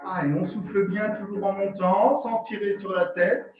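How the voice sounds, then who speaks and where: A man's voice: sits high, fairly even intonation, normal speed. A man leading a live online workout class as fitness coach, counting down reps and coaxing people on in an upbeat way over a video call. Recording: dull lo-fi video call audio. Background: faint workout music.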